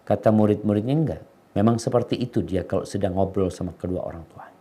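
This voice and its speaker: A middle-aged man preaching a sermon, dropping to quiet low asides and rising to emphatic, slangy appeals. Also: fast talker.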